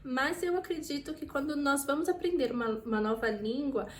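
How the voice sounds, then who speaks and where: A young woman with a São Paulo accent talks through a casual vlog lesson, slowing down to model words. Her voice sits a little high. The room around her is echoey. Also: animated. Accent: Brazilian Portuguese, São Paulo. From Brazil. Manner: chatty, slows down to model words. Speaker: vlogger teaching French pronunciation.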